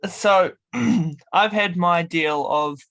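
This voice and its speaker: A man's voice: high-pitched, drawn-out words, fairly bright tone, clear, resonant tone. A man hosting a casual radio interview, speaking informally with somewhat hesitant phrasing. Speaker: radio show host.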